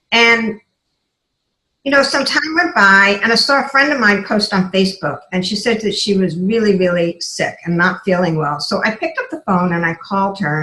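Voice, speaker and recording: A woman's voice: mid-range voice, pushed and bright, echoey room, low-quality recording. A woman, a health coach who now sells essential oils, telling her story in an earnest, emotional way and acting out what people said to her. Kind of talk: casual personal testimony.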